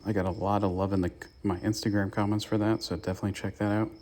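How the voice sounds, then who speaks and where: A man's voice: on the low side, level tone, fast, darkish tone, slight background noise. A young man giving casual gameplay commentary and tips to his viewers as the channel's host. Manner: chatty, gives tips to viewers. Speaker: gaming YouTuber.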